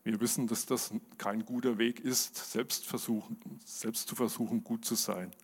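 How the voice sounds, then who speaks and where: A man's voice: medium pitch, little pitch movement, slightly rough. A man giving a sermon with Bible readings, speaking earnestly with many fillers and restarts. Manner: earnest, measured reading of scripture. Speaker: lay preacher.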